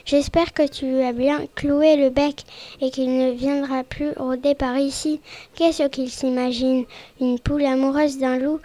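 A woman's voice: sits high, little pitch movement, measured pace, warm tone, no room sound. A woman voicing scornful, gossiping hen friends in a storybook reading.

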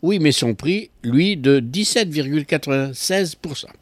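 A man's voice: on the high side, animated, normal speed, no room sound. A man giving a consumer affairs column on local radio, explaining with ironic asides.

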